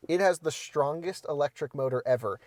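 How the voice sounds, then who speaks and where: A man's voice: on the high side, fairly quick, no room sound. A man in a casual car review, bluntly criticizing materials and build quality from inside a parked car. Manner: blunt, opinionated, animated critique. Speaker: co-host reviewing cars.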